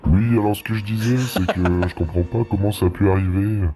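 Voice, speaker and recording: Un homme qui joue un informateur anonyme au téléphone, sa voix passée dans un modificateur de voix qui la rend très grave, bavard et blagueur. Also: male voice, fairly even intonation, fairly quick, mellow, soft background music. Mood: confiding. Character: anonymous male informant, gossiping, punning. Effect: voice changer pitching the voice down. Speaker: caller.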